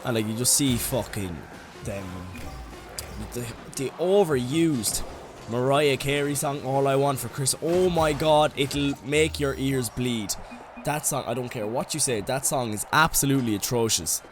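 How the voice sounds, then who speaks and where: A man's voice: medium pitch, normal speed, over music. A young man with an Irish accent, ranting comically in a rambling, sweary way full of "like"s. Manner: rambling, sweary, heavy use of "like". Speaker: vlogger. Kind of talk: comedic rant.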